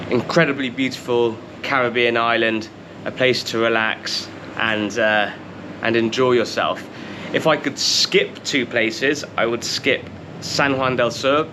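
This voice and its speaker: A man casually giving rambling travel tips in a wry, understated way, pronouncing his R's softly like W's. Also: medium pitch, noisy background. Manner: can't pronounce R's, says them like W. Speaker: travel vlogger.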